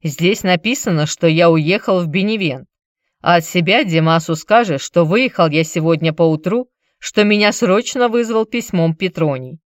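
A cold young Roman nobleman gives curt orders, as a woman reads him. The tone stays low and flat in feeling, with a dry, close sound. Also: moderate pace, no room sound, natural voice. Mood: commanding. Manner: curt, commanding, indifferent.

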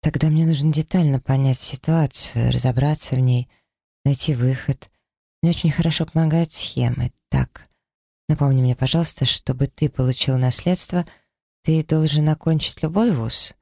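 A man's voice: mid-range voice, moderate pace, vocal fry, a little mellow, dry recording, clean studio sound. A man voicing an earnest, clever young female student in an audiobook, reasoning things out aloud. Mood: thoughtful. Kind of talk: audiobook character reading.

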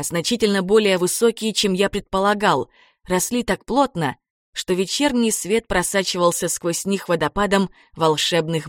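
A woman narrating an audiobook in a calm, even, scripted way. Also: fairly low pitch, no echo, clean studio sound.

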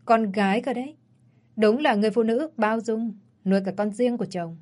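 A woman's voice: a little high, a little fast, a little mellow, close to an everyday voice. A woman voicing a cold, arrogant young wealthy husband in an audio story, with curt, scornful lines. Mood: sneering.

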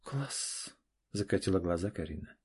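A man narrating an audiobook in a measured, even storytelling manner. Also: fairly low pitch, slightly rough. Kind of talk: scripted narration.

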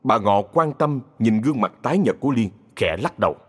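A man narrating a ghost story in a measured, scripted storytelling manner. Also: medium pitch, animated, husky. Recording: long reverb.

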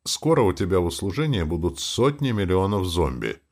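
Male narrator as a low, urgent squint-eyed henchman, pushy and servile. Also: big pitch swings, fairly quick, exaggerated voice.

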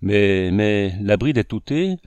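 A man's voice: fairly low pitch, expressive, slow, darkish tone, smooth, dry recording. A man voicing a startled, anxious grown man who speaks in abrupt exclamations.

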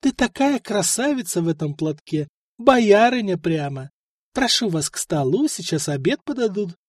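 A man voicing a plump, greedy, quarrelsome young wife who is shrill and spiteful. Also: sing-song, normal speed, no echo, studio quality. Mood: sugary.

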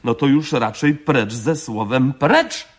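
A man's voice: mid-range voice, slow. A man voicing a stubborn old professor who objects in a firm tone at a meeting.

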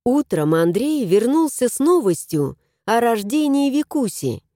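Woman narrating a fairy tale, lively. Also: fairly high pitch, a little slow, no room sound, studio quality. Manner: lively expressive storytelling.

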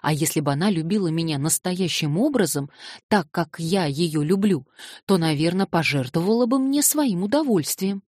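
A woman voicing an excitable, naive young man who protests plaintively, reading an audiobook. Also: fairly low pitch, moderate pace, no room sound, studio quality. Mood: defensive.

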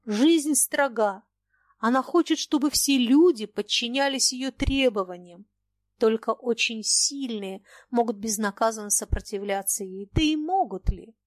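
Storybook figure: woman voicing a plaintive society lady, high voice, dry sound. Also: lively intonation, no echo, close to an everyday voice. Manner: hurried, plaintive. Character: refined lady, plaintive and anxious. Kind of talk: audiobook dialogue.

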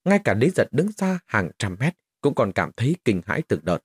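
A man's voice: medium pitch, very animated, fairly quick, slightly rough, no echo, clean studio sound. A man narrating a fantasy novel as an audiobook, telling the story expressively.

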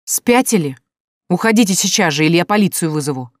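A reader voicing a frightened young woman who speaks quietly but firmly, pleading at times, in an audiobook. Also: mid-range voice, lively intonation, brisk, no room sound, clean studio sound, natural voice. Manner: tense, quiet yet firm, pleading. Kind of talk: audiobook character voice.

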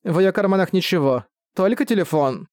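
A man's voice: high-pitched, expressive, a little fast, a little mellow, dry recording, clean studio sound, pitched above the performer's own voice. A man reading an audiobook, voicing a blunt, practical woman hero who talks curtly. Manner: curt, matter-of-fact.

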